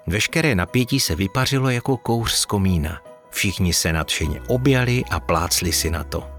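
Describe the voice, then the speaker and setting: A man narrating a storybook with gentle, expressive reading. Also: low voice, soft background music.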